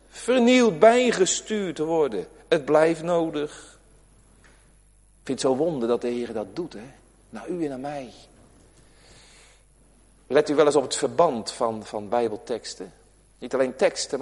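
A man preaching a sermon as pastor, swinging between loud emphatic calls and quiet asides. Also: a little high. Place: church. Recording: reverberant church hall.

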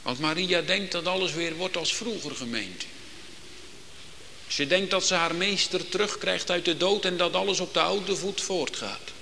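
A man preaching a sermon to his congregation, solemn and emphatic, building to loud declamatory climaxes. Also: sits high, normal speed, creaky. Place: church. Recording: long reverb in a church hall, faint background noise.

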